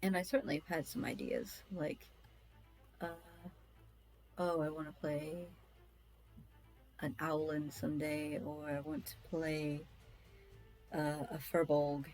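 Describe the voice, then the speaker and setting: Mellow-voiced woman rambling while drawing. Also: sits low, flat delivery, slow pace, pauses often, soft background music, poor audio. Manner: self-deprecating, scattered, talks to herself. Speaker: artist streaming a drawing session.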